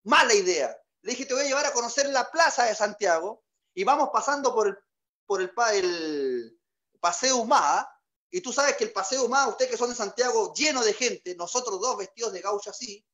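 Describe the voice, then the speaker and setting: A man's voice: extremely high pitch, lively intonation, brisk, a bit bright. A man with a Chilean Magallanes accent, a comedian telling a story in a chatty way with crude slang and boastful jokes. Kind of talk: stand-up comic storytelling.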